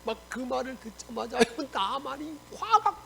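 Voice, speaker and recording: A male pastor preaching a lively Sunday sermon in a church, acting out characters' angry lines, putting questions to the congregation and laughing often. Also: very high-pitched, unhurried, gravelly, background noise. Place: church sanctuary.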